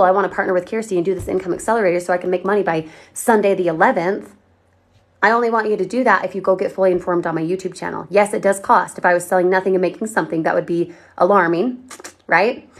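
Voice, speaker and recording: Upbeat woman pitching on a livestream. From Colorado, USA. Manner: upbeat, persuasive, talks straight to viewers and reads their comments. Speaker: online marketing livestream host. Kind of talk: casual sales pitch on a livestream.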